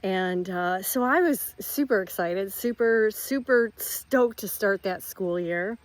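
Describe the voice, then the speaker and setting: A woman's voice: medium pitch, takes it slowly, no room sound. A woman in her fifties, a retired teacher, chatting casually and rambling through a catch-up vlog while walking outdoors on her rural property.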